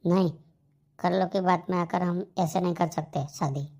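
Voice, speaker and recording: A woman voicing a grown married man in a comedy cartoon whose wife has left him, snapping back with quick complaints. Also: on the low side, fairly even intonation, mellow, lightly acted. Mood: explaining. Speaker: cartoon character.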